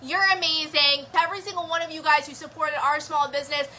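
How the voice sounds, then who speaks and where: Super high bright voiced woman, energetic motivational live stream talk, punchy. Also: slight background noise. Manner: energetic, emphatic, quick asides with laughs. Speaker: show host, business mindset coach. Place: indoor room, streaming live.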